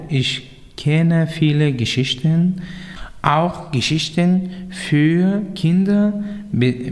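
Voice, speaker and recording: A man learning German, reading a short text aloud in a halting way with restarts. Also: a little high, a little mellow, long reverb tail. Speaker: language course participant.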